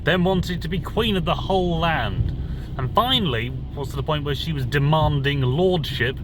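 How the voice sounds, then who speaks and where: Against background noise, a man with a fairly high voice talks at a moderate pace about the Bible and fairy tales on his own. He retells stories in an informal, musing way, working things out as he goes and fixing his own words.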